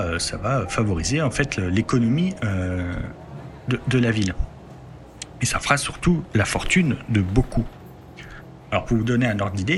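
A man with a lowish voice explains history in a relaxed podcast chat, working through it step by step. He pauses on filler words as he builds his sentences, and faint background noise sits beneath his voice.

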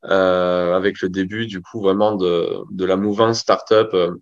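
A man's voice: sits low, flat delivery, measured pace. A man in his thirties, a company CEO, speaking as a podcast guest in a casual way with many fillers. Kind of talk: podcast interview. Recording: dull lo-fi sound.

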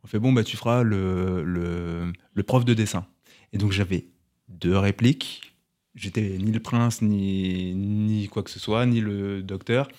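A man's voice: fairly low pitch, fairly even intonation, unhurried, darkish tone. A man co-hosting a podcast, rambling through stories and mock-grandiose speeches in casual banter. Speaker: podcast co-host.

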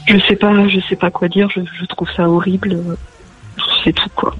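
A woman from France, a guest on a live talk show, speaking haltingly and searching for words, on a dull lo-fi recording with faint music behind. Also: mid-range voice, level tone. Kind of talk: casual live discussion.

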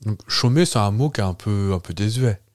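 A man's voice: on the low side, fairly quick, darkish tone, no room sound. A man with a Moselle accent, co-hosting a podcast in a studio, chatting casually with playful teasing and rambling asides. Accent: Moselle French. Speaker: podcast co-host. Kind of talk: casual chat. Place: studio with a producer present. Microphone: studio microphone.

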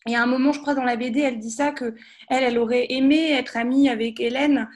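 High-pitched woman, hesitant phrasing. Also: fairly even intonation, fast talker. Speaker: podcast contributor. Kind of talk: casual book review.

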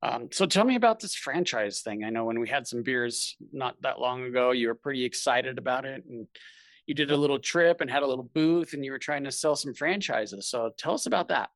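A man's voice: mid-range voice, lively intonation, a little fast, fairly bright tone, no room sound. A man hosting an interview in a casual, easygoing way and prompting his guest with questions. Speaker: podcast host.

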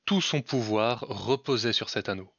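A man telling a folk tale as a podcast storyteller, in measured, dramatic narration. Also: medium pitch, a bit bright, slightly rough, dry recording. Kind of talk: scripted narration. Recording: dull, dry lo-fi recording.

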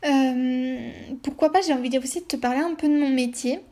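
A woman's voice: high voice, normal speed, mellow. A woman hosting her own podcast, chatting casually and hesitantly with many fillers and restarts. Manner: rambling, hesitant, lots of fillers. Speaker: podcast host. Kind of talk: casual solo podcast chat.

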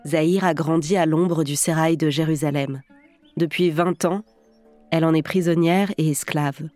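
A woman's voice: deep voice, steady tone, normal speed, a little mellow, dry recording. A woman hosting a podcast, narrating a scripted story in a theatrical storyteller's way. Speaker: podcast host and actress. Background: music.

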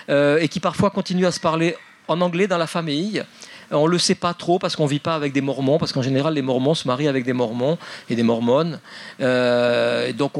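A man presenting his book at a public forum, hesitant with many fillers and restarts, joking wryly at his own expense. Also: on the high side. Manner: hesitant, many fillers and restarts, wry self-mocking humor. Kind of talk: public talk, then answering questions.

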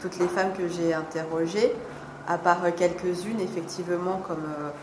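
A woman hosting a podcast, asking relaxed, friendly interview questions. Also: on the low side, moderate pace. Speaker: podcast host. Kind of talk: casual interview. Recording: roomy sound with faint noise.

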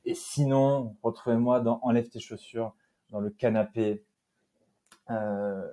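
Young guy guesting on a podcast, warm mellow voice, laid back and jokey. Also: medium pitch, takes it slowly. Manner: relaxed, joking, many fillers. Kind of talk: casual interview chat.

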